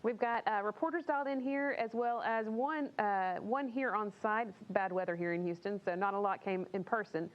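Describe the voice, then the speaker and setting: A woman's voice: medium pitch, moderate pace, few pauses. A woman moderating a live press event in an informal, organized way. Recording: thin phone-like line.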